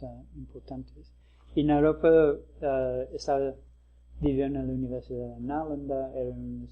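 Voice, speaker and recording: A male Buddhist teacher giving a dharma talk in a measured, hesitant way, with frequent pauses. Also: medium pitch. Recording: slightly dull lo-fi talk recording.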